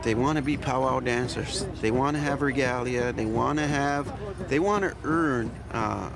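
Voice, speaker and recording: A man's voice: mid-range voice, moderate pace, gravelly, a crowd in the background. A man speaking reflectively in a documentary interview, building his points in short, repeated phrases.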